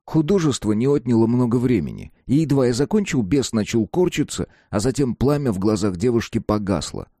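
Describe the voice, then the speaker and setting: A man's voice: medium pitch, animated, fairly quick, few pauses, warm tone, dry recording, studio quality. A man narrating an audiobook dramatically, acting out the dialogue. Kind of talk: scripted narration.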